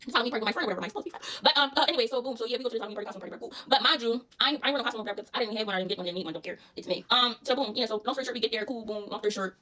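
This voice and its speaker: Fast-talking young Philly woman, high voice. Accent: Philadelphia. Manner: rapid, animated, profane street slang. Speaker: storyteller. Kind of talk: casual storytime vlog.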